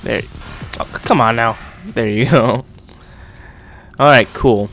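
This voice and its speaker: A man's voice: medium pitch, unhurried, fairly bright tone. Young guy chatting over a game, bit stuffy and sick, swollen lip, music behind. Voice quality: slightly congested, speaking with a swollen lip. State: getting over being sick. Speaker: gaming YouTuber, host. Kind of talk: casual let's-play commentary.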